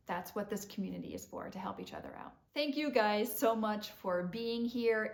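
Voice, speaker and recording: A woman's voice: mid-range voice, reverberant. A woman vlogger in a casual, enthusiastic chat to camera, wandering off into side stories. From Vermont. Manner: chatty and enthusiastic, digresses. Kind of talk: casual vlog talk to camera.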